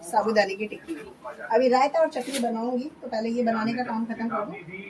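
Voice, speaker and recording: A hoarse woman in her thirties chatting through a home vlog, describing her chores step by step. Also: on the high side, a little fast, crowd noise. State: hoarse, voice going. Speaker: vlogger. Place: at home, indoors.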